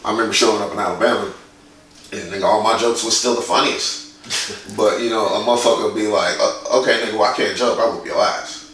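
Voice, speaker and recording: A man's voice: on the low side, steady tone, fast talker, fairly bright tone, heavy reverb, distant mic, low-quality recording. A man in his forties from Indiana, a guest in a casual interview, who tells stories bluntly and swears freely. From Indiana, USA. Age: 40s. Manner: blunt, profane, storytelling. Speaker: guest, graffiti artist.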